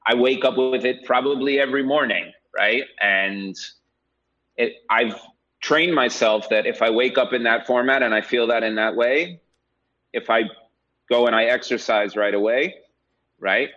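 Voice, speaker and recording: A real estate agent appears as a podcast guest, speaking reflectively and conversationally and often tacking on a "right?" to check in. His medium-pitched voice is measured, pushed and bright, captured in dull, lo-fi sound.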